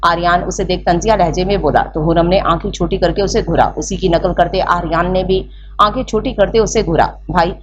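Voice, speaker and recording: A woman narrating a romance novel aloud in a steady, measured reading. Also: lowish voice. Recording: slightly muffled with faint hiss.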